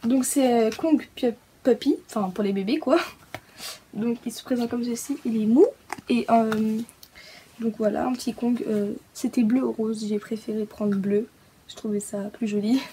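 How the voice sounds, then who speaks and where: A woman's voice: fairly high pitch, steady tone, moderate pace, dark tone, a little hiss or hum. Hesitant, giggly woman unboxing a haul. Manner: hesitant, many fillers, giggly. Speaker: pet vlogger.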